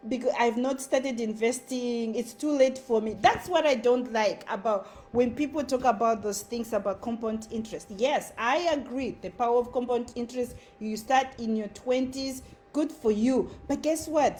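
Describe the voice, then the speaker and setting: A content creator with a Zimbabwean accent delivers an earnest motivational talk in a high, slightly mellow voice at a moderate pace. She repeats short phrases to drive her points home.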